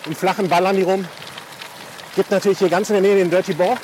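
A man's voice: high-pitched, fairly even intonation, fast. A man, an experienced rider, giving laid-back joking advice while cycling outdoors. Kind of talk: casual chat while cycling. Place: outdoors on a group bike ride in rain. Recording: loud outdoor wind, rain and traffic noise.

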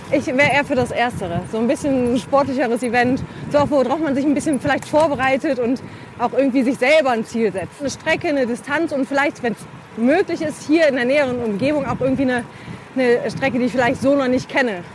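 Woman chatting on her bike outside, high voice, lots of road noise. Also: a little fast. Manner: chatty, asks questions. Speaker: vlogger and host. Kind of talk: casual chat while cycling. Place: outdoors on a group bike ride. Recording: loud outdoor wind and traffic noise.

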